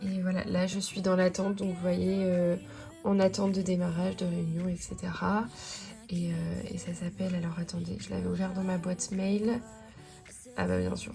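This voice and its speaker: Chatty young woman with a mellow voice. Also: fairly low pitch, gravelly. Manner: chatty, self-deprecating, rambling. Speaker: vlogger. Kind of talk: casual vlog chat.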